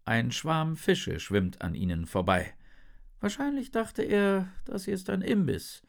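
A curious, clever little boy murmurs in a higher, hushed voice, as a man reads him in a children's storybook. His voice carries a slight rasp. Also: very animated, unhurried, exaggerated voice. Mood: wry. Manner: hushed, wondering.

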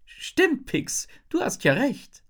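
A woman voicing a bubbly, chatty young girl genie in an audiobook, giggly and quick with her words. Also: sits high, wildly swooping pitch, husky, voice pushed up, heavily acted. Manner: giggly, fast talking, squeals when scared. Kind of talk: audiobook character voice.

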